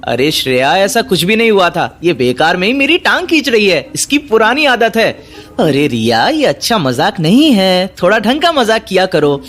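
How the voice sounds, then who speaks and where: A man's voice: sits high, big pitch swings, moderate pace, a bit bright, faint music behind. An actor playing a flustered young man who keeps apologizing and defending himself in an audio drama. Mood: defensive. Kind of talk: Hindi audio drama acting.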